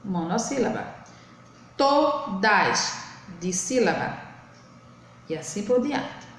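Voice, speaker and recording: A woman teacher speaks slowly and patiently to young pupils in a remote lesson, drawing out each word syllable by syllable. Her voice sits fairly high. It rings around a very echoey room, with faint noise underneath. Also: expressive. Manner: slow, patient, spells words out syllable by syllable. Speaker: primary school teacher. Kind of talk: recorded remote lesson for children.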